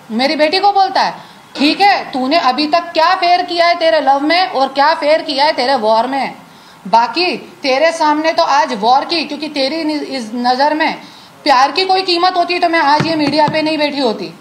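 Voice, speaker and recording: A defiant woman speaks high and insistently to the press, hurling direct challenges at the people she accuses. A faint hum of noise sits behind her voice in the room. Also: unhurried, poor audio. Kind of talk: impassioned media statement. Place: indoors at a media sitting.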